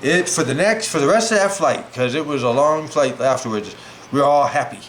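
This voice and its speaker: A middle-aged man with a fairly high, brisk voice rambles casually through a personal story while preparing food at home. He's animated and packs in many "like" fillers, with a little hiss or hum in the audio.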